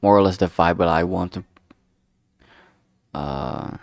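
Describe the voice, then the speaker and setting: A streamer who is making a visual novel chats casually on his livestream in a low, slow voice, recorded dry. He thinks out loud in a hesitant, musing way and often trails off mid-thought.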